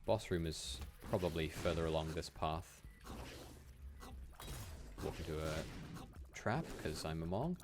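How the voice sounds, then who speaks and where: Speaking from an indoor room at home, this young adult game streamer from Wales has an extremely low voice and a general British accent. His pace is measured, broken by long pauses, and the background is noisy. He keeps up casual gameplay commentary, often laughing as he addresses viewers.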